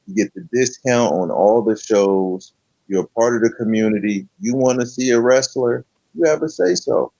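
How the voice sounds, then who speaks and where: Male host, casual slangy chat, middle pitch, dry and muffled audio. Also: vocal fry, mellow, no room sound. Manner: laid-back slangy, drawn-out hype. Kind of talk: casual late-night chat.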